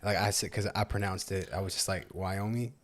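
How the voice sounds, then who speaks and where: A man's voice: deep voice, flat delivery, fast talker, a bit bright. A man hosting a casual podcast, chatting in a playful, joking, back-and-forth way. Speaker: podcast host.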